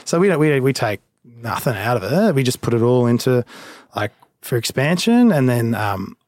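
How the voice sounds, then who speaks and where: Laid-back Australian bloke, halting and rambling. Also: male voice, medium pitch, very animated, darkish tone, dry recording. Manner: halting, rambling, filler-heavy. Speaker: cafe business owner, interview guest. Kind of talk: casual chat.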